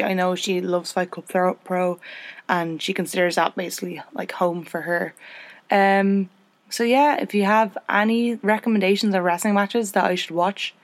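Chatty woman podcast host. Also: no room sound. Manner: chatty, self-deprecating, jumps in pitch when excited. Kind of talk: casual chat.

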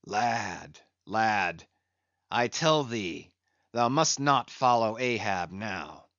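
A man's voice: lowish voice, expressive, fairly bright tone, no echo, highs cut off, voice pushed down, full character voice. A man doing a grim obsessed old captain. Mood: brooding. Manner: slow, drawn-out, commanding. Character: stern obsessed old whaling captain, grim and iron-willed.

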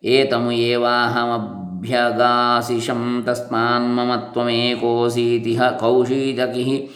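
A man slowly reciting scripture verses in a measured, chanting way, then explaining them plainly. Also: mid-range voice, roomy sound. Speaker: scripture reader. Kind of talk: slow recitation and translation of scripture.

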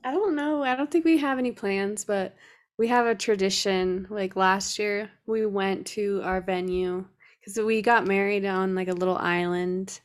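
A young woman co-hosting a podcast, chatting casually. She tells her story loosely, with plenty of "like" fillers, at an ordinary middle pitch. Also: fairly even intonation, moderate pace. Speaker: podcast co-host. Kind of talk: casual chat.

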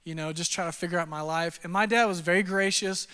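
A pastor from Texas in his thirties gives a sermon with personal testimony in a church auditorium, using relaxed, self-deprecating stories packed with fillers. He talks fast in a high, smooth, resonant voice with a steady, bright and forceful tone, while long church reverb trails each phrase.

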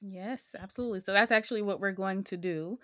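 A woman's voice: medium pitch, fast talker, fairly bright tone. A young adult woman hosting her own podcast, talking in a reflective, casual way with frequent ums. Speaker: podcast host.

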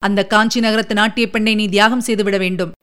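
Woman reading emperor, male, proud, commanding, stately, formal, audiobook, smooth clear voice. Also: medium pitch, fairly even intonation, fairly quick, fairly bright tone, close to an everyday voice. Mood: earnest. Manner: stately, formal, pleading then insistent.

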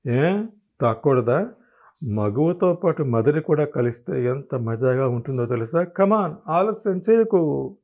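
A man's voice: mid-range voice, lively intonation, slow pace, a little mellow. A man voicing a drunken, crude young husband who mocks and bullies in a coarse, drawling manner. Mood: mocking. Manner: mocking and coarse, drawling with English endearments.

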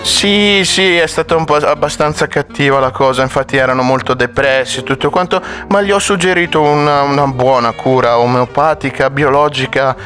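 A man's voice: medium pitch, moderate pace, hardly any pauses, a bit bright, faint music behind, lightly acted. A man playing a self-satisfied, foul-mouthed quack doctor in an improvised comic radio bit, speaking emphatic Italian-accented speech and repeating himself. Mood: smug, amused.

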